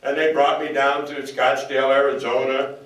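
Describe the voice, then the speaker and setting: A man's voice: medium pitch, little pitch movement, normal speed, a bit bright. Older man telling folksy stories in echoey hall. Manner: folksy, anecdotal, quotes others in voices. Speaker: speaker. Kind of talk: storytelling speech. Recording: echoey hall, mic at a distance.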